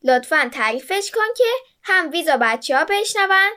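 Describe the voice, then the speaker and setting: A woman with a very high, bright voice takes turns narrating a children's story. She reads eagerly, in a clear storybook manner. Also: animated.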